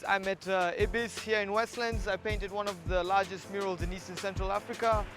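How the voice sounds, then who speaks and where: Music plays beneath this Kenyan man's high-pitched, steady voice as he talks fairly quickly. Casual and reflective, he speaks as a street artist in a documentary interview and walk-along, repeating words to stress them.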